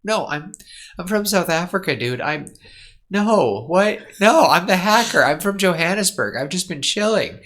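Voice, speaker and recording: A man's voice: sits high, animated, normal speed, a bit bright, voice pushed up. Laid-back young South African hacker guy, casually fed up, put on by a podcast host. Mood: exasperated.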